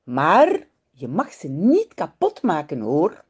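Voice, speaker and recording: A woman's voice: low-pitched, huge pitch swings, takes it slowly, slightly rough, voice pushed down, heavily acted. A woman voicing a proud little girl in a read-aloud children's storybook, with a lilting storybook voice. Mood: cautious.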